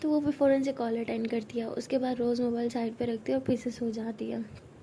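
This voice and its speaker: A young woman narrates a love story casually, chatting along with plenty of filler words. Her voice sits high, with a mellow, darker tone. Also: little pitch movement, a little fast, slight background noise. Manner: chatty, uses many fillers.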